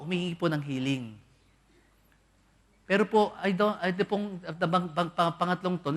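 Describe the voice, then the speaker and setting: A priest preaching to a congregation in a large cathedral. He is animated, acts out the voices he quotes and banters with the crowd. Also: on the high side. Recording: long hall reverb.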